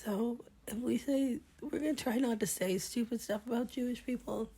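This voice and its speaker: Podcast co-host, young woman, sick and hoarse, dark husky tone, easygoing chat. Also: fairly high pitch, normal speed. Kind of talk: casual chat.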